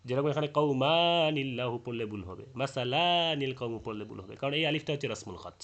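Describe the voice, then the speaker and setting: A man giving a Quran recitation lesson, explaining rules patiently, repeating his points and chanting verses slowly as examples. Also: mid-range voice, animated, a bit bright, dull audio. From Bangladesh.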